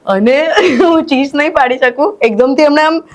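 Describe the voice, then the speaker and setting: A woman's voice: high voice, moderate pace. A young woman with a Gujarati accent, an actress talking as a podcast guest and telling stories animatedly in casual interview chat. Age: young adult. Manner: animated storytelling, acts out quoted shouts, mixes English in.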